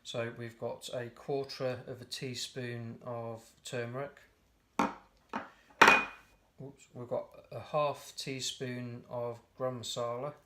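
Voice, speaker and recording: This home cook speaks at a slow pace with a medium-pitched, croaky, hoarse voice while demonstrating a recipe. His manner is relaxed and chatty, with frequent mid-sentence corrections, and the home video recording is noisy.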